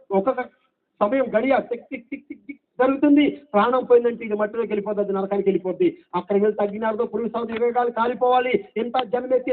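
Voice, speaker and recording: A man preaching a gospel sermon, with many rhetorical questions and shouts of hallelujah, now loud and now soft. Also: extremely high pitch, a little hiss or hum. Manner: emphatic, swings between loud and soft delivery. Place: gospel meeting. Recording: tinny phone-like sound.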